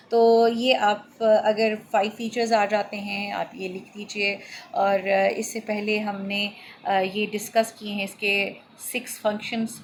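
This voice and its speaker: A middle-aged woman, explaining a lesson in a measured way, with many fillers and English terms. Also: medium pitch, slight background noise. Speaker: lecturer. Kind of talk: explanatory lecture.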